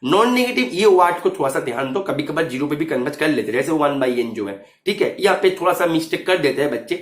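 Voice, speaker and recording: Male math teacher walking students through an exam answer, mixing English terms into Hindi, high lively delivery, echoey room. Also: fast. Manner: checks understanding often. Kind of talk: explaining exam solution.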